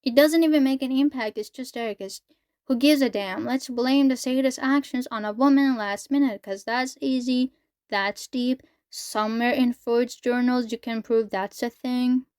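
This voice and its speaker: Sarcastic woman with a smooth voice. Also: a little high, normal speed, a little mellow, no room sound, studio quality. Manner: sarcastic, exasperated. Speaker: book reviewer. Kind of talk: casual video review.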